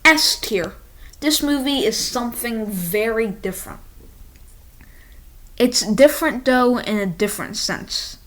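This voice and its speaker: A woman's voice: on the high side, animated, measured pace, pauses often. A woman hosts a casual movie-ranking vlog. She talks straight to the camera, eager and a little rambling, and keeps circling back with asides. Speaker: movie reviewer.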